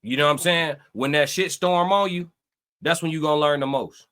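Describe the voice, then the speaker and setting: A man with a bright, forceful voice hosts a live stream, speaking emphatically to his chat. His pitch sits a little high for a man, and he preaches his points with repetition. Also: brisk, smooth. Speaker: reaction stream host.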